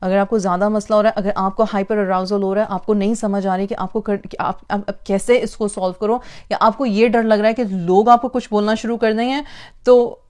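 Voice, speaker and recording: A woman's voice: medium pitch, fairly even intonation, fairly quick, a little mellow. A woman giving an emphatic parenting talk, repeating phrases for stress and mixing in English words. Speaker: parenting speaker. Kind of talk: lecture on parenting.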